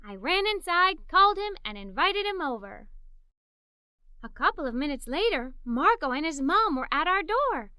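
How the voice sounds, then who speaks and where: Recorded with clean studio sound and no room sound, a woman's high-sitting voice moves at normal speed. As a storybook reader, she narrates a children's story in first person as a curious, imaginative girl, animated and expressive with giggles.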